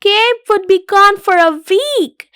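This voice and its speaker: A woman reading a children's storybook aloud with expressive, playful narration. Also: very high-pitched, slow, no room sound.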